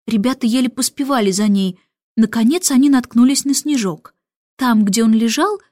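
A woman reading a storybook audiobook, expressive and lively, her voice sitting a little high. The recording is dry and close with no room sound. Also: no room sound. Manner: expressive, lively read-aloud. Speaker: narrator.

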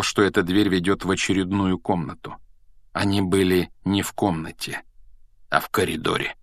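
Low-voiced male audiobook narrator. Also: a bit bright, dry recording, studio quality. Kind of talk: scripted narration.

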